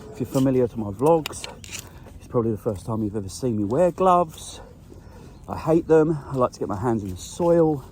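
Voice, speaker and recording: Working outdoors, a vegetable grower chats through his farm vlog in a relaxed, explanatory way. His voice is mid-range, with a little hiss or hum in the recording.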